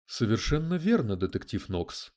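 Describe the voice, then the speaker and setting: A man's voice: fairly low pitch, big pitch swings, moderate pace, a little mellow. A man voicing a prim, coldly logical male detective android who speaks in an oddly mechanical, lecturing way. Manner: precise, lecturing, unflappable.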